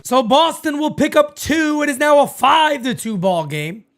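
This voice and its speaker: Soft music plays in the background as a man hosts a live fan watch party, calling plays and chatting with viewers in a very high voice at normal speed. His voice is wearing out, yet he gets excitable, yelling on big plays and cursing freely.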